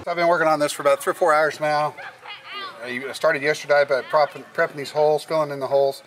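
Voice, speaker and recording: A middle-aged sailing vlogger gives a casual step-by-step how-to aboard his sailboat, explaining plainly with fillers, both out on deck and down in the cabin. Recorded on a camera mic, the low-quality audio carries his slightly high, somewhat bright voice, which moves fast with fairly even intonation.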